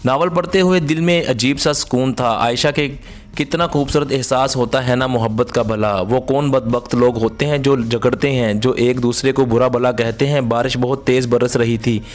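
A man's voice: mid-range voice, normal speed. A man reading a moral story aloud in a scripted narration. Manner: steady, even reading.

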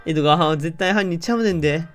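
A man voicing the spirit of a murdered man from Kansai, speaking through someone else's body in an exaggerated, slow, low fake Kansai dialect. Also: fairly bright tone, faint music behind, close to an everyday voice. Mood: solemn. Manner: slow, low, theatrical spirit-medium delivery.

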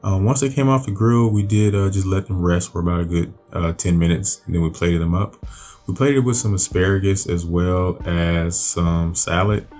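A man with a very deep, low voice talks through his grilled recipe in an easygoing, rambling way, full of fillers and restarts. Soft background music sits faintly under his voice-over. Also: moderate pace. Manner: relaxed, loose, many fillers and restarts. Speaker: cooking channel host. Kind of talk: casual voice-over narration.

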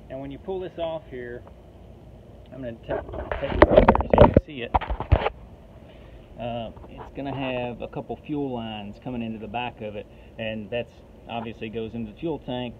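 A man's voice: medium pitch, normal speed. A man in his thirties casually narrating a step-by-step chainsaw repair while working outdoors at the back of a vehicle. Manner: relaxed, step-by-step explaining while working with tools. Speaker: DIY repair vlogger. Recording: tinny phone audio, noisy outdoor background.

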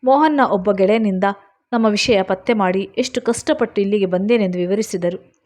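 A woman's voice: medium pitch, moderate pace, a little mellow. Woman narrating a dramatic story. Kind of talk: first-person story narration.

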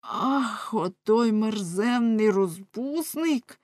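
Lady reading an audiobook, doing a jealous hothead husband, yelling and torn up, dry close sound. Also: fairly low pitch, a little slow, dry recording. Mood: furious. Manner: shouting, anguished outbursts. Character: jealous hot-tempered middle-aged husband.

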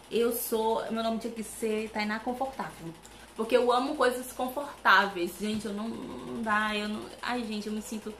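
A young Brazilian woman chatting to camera as a vlogger, animated and talkative, with many asides to her viewers, at home with a fan running. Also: mid-range voice, reverberant, slight background noise. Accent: Brazilian Portuguese. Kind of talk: casual chat to camera.

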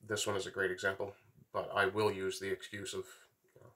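A middle-aged man talks off the cuff in a fairly low voice. He is sick, and his nose is blocked, so he sounds stuffy and congested. His delivery is halting and rambling, with long pauses, as a vlogger speaking to camera. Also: monotone, bright, forceful tone. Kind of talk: unscripted casual monologue to camera. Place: small wooden workshop, indoors.

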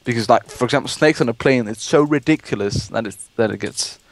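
A man's voice: mid-range voice, a little fast. A young man hosting a gaming video, chatting casually and rambling about movies while playing. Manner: rambling, swears when startled. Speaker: let's play host.

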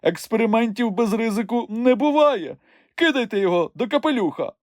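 Snufkin, a man doing a brisk sensible wanderer. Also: lively intonation, no room sound, studio quality. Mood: practical. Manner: brisk, matter-of-fact, pitched up. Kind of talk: audiobook character voice.

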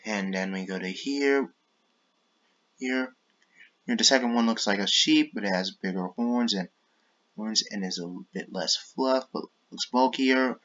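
Casual male gaming vlogger, slightly low and husky, self-interrupting, apologetic, muffled home-mic sound. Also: unhurried, fairly bright tone. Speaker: YouTube gaming channel host. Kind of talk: casual rambling commentary.

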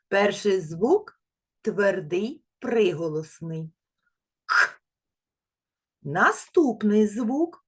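Slow, breathy, sing-song woman teacher. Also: medium pitch. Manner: slow, sing-song, drawing out speech sounds for children; gentle, praising, uses endearing diminutives. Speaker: preschool teacher. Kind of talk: remote literacy lesson for small children.

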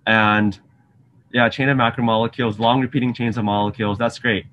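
A young man from Singapore, a graduate student, delivers a casual online science lesson in a medium-pitched, flat, brisk voice. The webcam recording sounds muffled with slight background noise, made indoors in a lab office with shelves. Friendly and chatty, he peppers his talk with ums and questions for the students.

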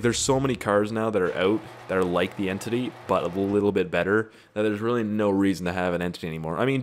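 A man's voice: deep voice, slight background noise. A man giving casual, rambling gameplay commentary, swearing freely and chatting to his viewers. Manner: rambling, profane, talks to viewers. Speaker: gaming YouTuber.

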